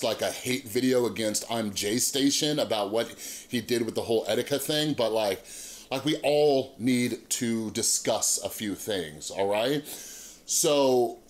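In a small indoor room with monitors, a man in his thirties hosts a YouTube channel, offering casual, earnest opinion commentary in a mid-range voice. He speaks emphatically and keeps seeking agreement, often checking in with rhetorical tags to see if listeners agree.

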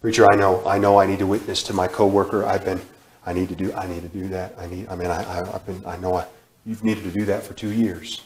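Low-voiced preacher in an echoey church. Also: male voice, little pitch movement, fast talker, slight background noise. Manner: repetitive, emphatic preaching with sudden drops to quiet. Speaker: guest preacher. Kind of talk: sermon. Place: church sanctuary, large indoor room. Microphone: far camera, room mic.

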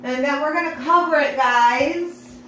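Chatting casually in her kitchen, this Bronx, New York woman, a home cook vlogger, walks viewers through an unscripted cooking demo. She sounds high-pitched, pushed and bright but unhurried, and the room is echoey with clear background noise.

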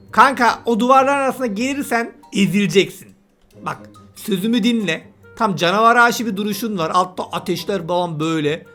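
Male let's-player, high bright voice, chatty and teasing, banters with on-screen creatures over soft music. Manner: chatty, teasing, talks to game characters. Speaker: gameplay commentator. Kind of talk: casual let's-play commentary.

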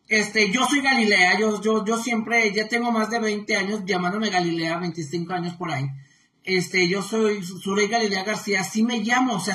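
Woman, live-stream host, chatty and affectionate, bright voice, echoey room. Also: mid-range voice. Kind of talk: casual live-stream chat reading viewer comments. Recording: roomy echo.

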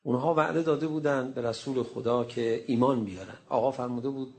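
A male preacher giving a sermon, telling a story in an animated way and acting out the quoted speech. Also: mid-range voice.

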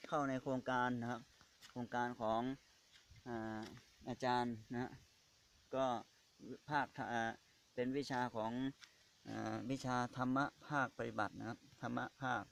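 A man's voice: medium pitch, level tone, creaky, fairly bright tone. A man who is a Buddhist monk, talking casually on site beside a pond and stopping often to find his words. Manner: halting, searching for words, polite particles after nearly every phrase. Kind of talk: casual on-site video commentary. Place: outdoors beside a pond or pit.

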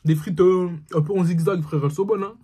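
A man's voice: high-pitched, fairly even intonation, brisk, warm tone, slightly rough. Young man talking with his mouth full. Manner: slangy, addresses viewers as brothers and guys. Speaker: food vlogger. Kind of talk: casual food tasting vlog.

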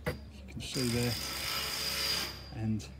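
A middle-aged man guides the listener around an outdoor building site, explaining things in a practical, matter-of-fact way and leaning on the word "obviously". His voice sits at an ordinary pitch and is caught on a phone, with loud site noise and passing vehicles all around him. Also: flat delivery, slow. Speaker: construction site manager. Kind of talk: guided site walk-through. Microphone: handheld phone camera.

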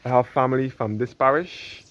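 Here a man with a mid-range, slightly bright voice talks at a moderate pace while giving an informal walking tour of a churchyard on a cliff, often restating what he just said. The travel vlogger films on a handheld phone, capturing muffled, lo-fi sound with outdoor noise behind him.

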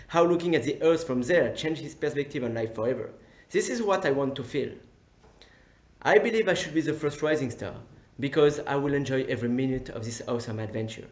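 A man in his twenties from France with a French accent, giving an earnest, enthusiastic self-introduction pitch. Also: echoey room, muffled recording. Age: 20s. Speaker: competition applicant.

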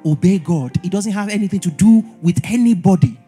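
A man preaching a sermon at a church service, animated and repeating his exhortations, acting out little dialogues. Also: high-pitched, fairly quick, breathy edge, soft background music. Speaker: pastor.

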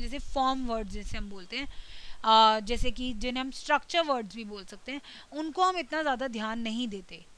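A woman teaching spoken English in a Hindi-English mix, patiently explaining and reading example sentences slowly with heavy stress. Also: a little high, fairly bright tone. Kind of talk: classroom lesson in Hindi mixed with English.

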